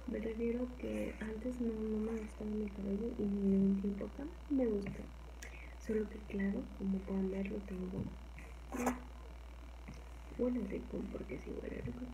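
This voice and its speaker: In a small home kitchen, a young Mexican woman with a Mexican accent chats casually for her ASMR channel, rambling softly and often dropping into a whisper. Her medium-pitched voice has vocal fry, and there is background noise.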